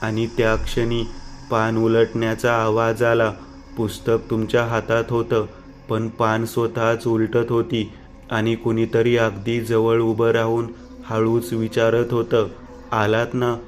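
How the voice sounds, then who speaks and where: A man narrating a scripted horror story in a slow, flat and ominous way. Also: medium pitch, a little hiss or hum.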